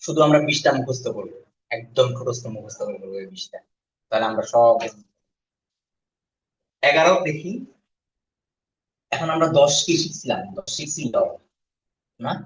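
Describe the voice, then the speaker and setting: Male teacher, slow repetitive drilling style, distant and dull in an echoey classroom. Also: medium pitch, animated, slight background noise. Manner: slow repetitive drilling, asks "ঠিক আছে?". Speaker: language teacher. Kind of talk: classroom lesson.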